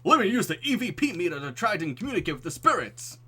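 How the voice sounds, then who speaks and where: A man voicing a panicked male trucker on a haunted ice road, yelling frantically. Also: high-pitched, big pitch swings, fast, slightly rough, pitched above the performer's own voice, full character voice.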